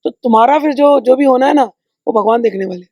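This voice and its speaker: A woman spiritual teacher giving emphatic, conversational teachings in a podcast, with storytelling and sharp rhetorical asides. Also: sits high, fast, no echo. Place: indoor podcast recording.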